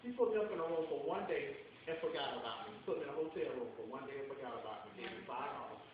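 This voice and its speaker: A man's voice: mid-range voice, expressive, rapid-fire, slight background noise. A young man from Florida, giving a personal testimony as a self-described prophet and acting out the voices of everyone he quotes, with lots of repetition. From Jacksonville, Florida, US. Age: young adult. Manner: retells events by acting out each quoted voice, with many repetitions. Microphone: phone held away from the speaker. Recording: very echoey, distant, tinny phone recording.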